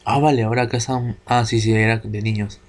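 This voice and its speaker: A man's voice: fairly low pitch, flat delivery, fast. A man doing casual gameplay commentary, thinking aloud in a hesitant way. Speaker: let's play gamer.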